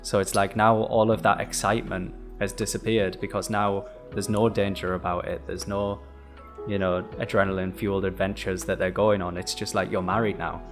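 Young guy cohost, lowish voice, rambles thoughtfully, bit of music under it. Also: level tone, moderate pace. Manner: reflective, rambling, laughs easily. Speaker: podcast co-host. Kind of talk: casual chat.

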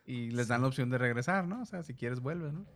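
A man's voice: mid-range voice, a little fast. A man chatting casually, telling stories with lots of fillers and acting out the voices of the people he quotes. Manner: animated storyteller, acts out quoted voices; many fillers and repeated words. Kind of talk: casual conversation about a series.

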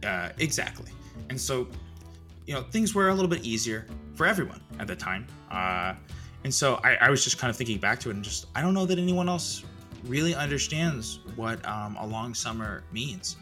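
A man playing a chatty, wistful evil necromancer who co-hosts a comedy podcast and speaks in a halting, casual way. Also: medium pitch, big pitch swings, bright, forceful tone, faint music behind. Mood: nostalgic chat. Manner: halting, casual delivery of villainous lines. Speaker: podcast co-host. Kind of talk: improvised in-character comedy chat.

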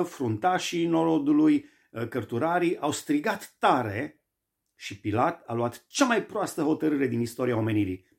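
Gravelly male preacher. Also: on the high side, darkish tone. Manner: emphatic, repeating phrases for stress. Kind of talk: sermon.

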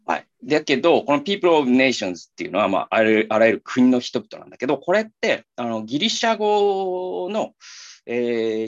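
A man's voice: lowish voice, creaky, muffled recording. A man hosting a talk, explaining at length in a casual, rambling way with many fillers and restarts. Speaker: talk show co-host.

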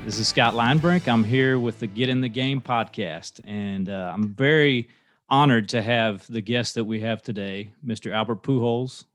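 A man's voice: mid-range voice, moderate pace, fairly bright tone, dry recording, soft background music. A man hosting an interview podcast, friendly and talking with frequent fillers. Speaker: podcast host.

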